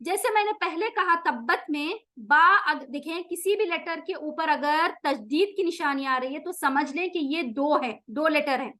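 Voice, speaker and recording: A woman teaching Quran recitation rules, explaining each rule and then chanting the words slowly to show them. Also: sits high, sharp tone. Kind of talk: tajweed lesson with slow recitation.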